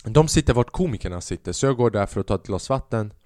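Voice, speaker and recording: A man's voice: on the low side, lively intonation, darkish tone, no echo, studio quality. A young man, a podcast host and stand-up comedian, telling a rambling, profane story in a casual monologue.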